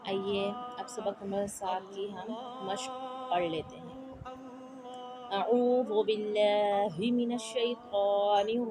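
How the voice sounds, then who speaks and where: Woman, Quran reading teacher, very slow and patient, clear background music. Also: a little high. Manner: patient, repeats points and keeps asking "ठीक है?". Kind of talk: slow explanatory lesson with spelled-out drills.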